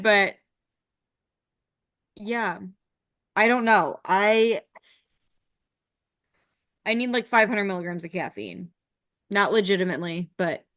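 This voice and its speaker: A laid-back young woman co-hosting a podcast, laughing easily and swearing offhandedly. She talks slowly at a middle pitch, and her voice sounds close and dry. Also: a bit bright, no echo. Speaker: podcast co-host. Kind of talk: casual chat.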